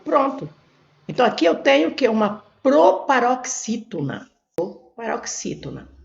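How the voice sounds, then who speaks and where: A woman's voice: fairly high pitch, sing-song, moderate pace, creaky, roomy sound. A woman teaching Portuguese grammar for an exam, explaining step by step, with a Brazilian Portuguese accent, who asks questions and then answers them herself. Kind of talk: exam prep lesson, explaining on a board. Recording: dull lo-fi recording.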